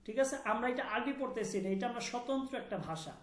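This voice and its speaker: A man's voice: very high voice, lively intonation, quick pace. A man teaching an online language class, patiently repeating sounds and checking that students understand. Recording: roomy echo.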